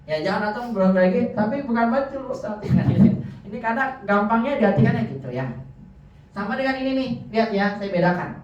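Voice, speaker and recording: A man's voice: sits high, a little fast. Man teaching Arabic in an echoey room. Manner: lively, quizzing students with frequent questions. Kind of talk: classroom lesson. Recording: echoey room, distant dull mic.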